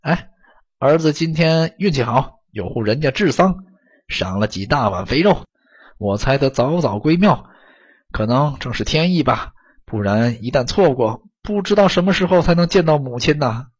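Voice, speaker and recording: A man doing a rough young beggar. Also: medium pitch, lively intonation, normal speed, highs cut off. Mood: earnest. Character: ragged young male beggar, rough and resigned.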